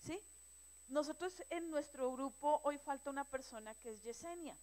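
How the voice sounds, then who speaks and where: A woman sharing earnestly with her church prayer group, telling a story with lively rhetorical questions. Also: high-pitched, normal speed, poor audio. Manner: earnest, animated storytelling with rhetorical check-ins.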